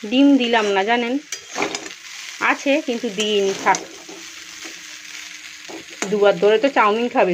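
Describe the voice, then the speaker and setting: A woman's voice: fairly high pitch, a bit bright, slight background noise. A woman in her thirties with a Bengali accent, chatting casually to viewers while cooking at home. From India. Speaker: vlogger. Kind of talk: casual home vlog chat. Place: home kitchen.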